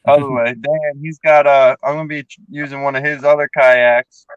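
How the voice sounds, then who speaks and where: A man's voice: medium pitch, little pitch movement, normal speed, clean tone, dry recording, highs cut off. A man, a kayak angler, chatting casually and rambling over a video call. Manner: casual, rambling, self-correcting.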